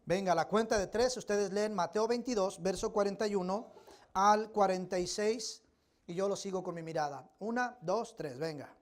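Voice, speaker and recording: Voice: medium pitch, normal speed, slight background noise. A preacher teaching a Bible study sermon to a congregation, emphatic and speaking straight to them, repeating key phrases. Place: church service.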